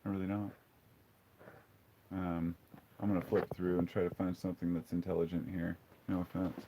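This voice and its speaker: Guy on a livestream going off about comments, kinda low voice, swears a lot, sarcastic, keeps restarting sentences. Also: little pitch movement, moderate pace, noisy background. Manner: blunt, profane and sarcastic; conversational, with frequent restarts. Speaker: live stream host reading viewer comments. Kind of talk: casual live stream rant.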